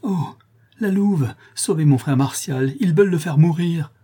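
Frightened young boy, high and urgent; male narrator voicing him, husky edge. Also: normal speed, mellow. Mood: pleading. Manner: urgent, pleading.

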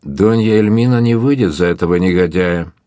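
A man voicing a bold young buccaneer who speaks with calm, unshakable firmness. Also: sits low, moderate pace, no room sound, studio quality, close to an everyday voice. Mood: calm firm.

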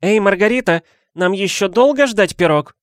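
A man voicing a bossy, loud middle-aged aunt who barks orders in an audiobook. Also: lowish voice, moderate pace, no echo, studio quality, voice pushed up, natural voice. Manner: barking, commanding. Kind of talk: audiobook character voice.

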